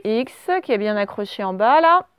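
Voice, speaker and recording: A French woman teacher giving a slow dictation lesson to young children, stretching out words and spelling letters. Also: medium pitch, lively intonation, smooth. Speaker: primary school teacher.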